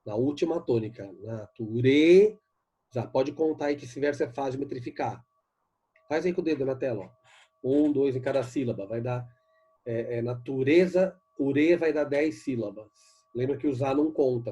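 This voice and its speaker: A man teaching a literature lesson with a Brazilian Portuguese accent, reading poems aloud slowly and checking in with students as he explains. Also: medium pitch, warm tone, husky, highs cut off. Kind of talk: recorded online class lesson.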